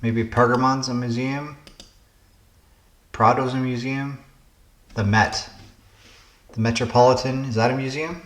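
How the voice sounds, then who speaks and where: A man's voice: mid-range voice, fairly even intonation, unhurried, pauses often, fairly bright tone, echoey room. A man hosting a puzzle game channel, casually thinking aloud through word puzzles, musing and hesitating as he guesses.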